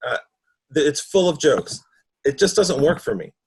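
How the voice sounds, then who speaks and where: A man's voice: a little high, big pitch swings, moderate pace, slightly rough. A man chatting on a podcast, candid and dry as he explains why a classic comedy leaves him cold. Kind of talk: casual film discussion.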